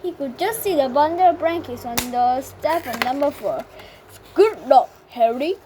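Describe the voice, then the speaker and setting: High-voiced woman reading aloud. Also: noisy background. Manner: careful, halting reading with frequent restarts. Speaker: channel host reading aloud. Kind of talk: reading an English children's book aloud.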